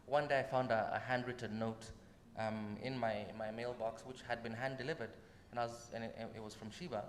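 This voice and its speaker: Speaking briskly at medium pitch, a Kenyan man appears as a guest musician, telling casual stories on a talk show. He laughs a lot, stays animated, and restarts and repeats words often. Long echo and faint noise fill the roomy hall.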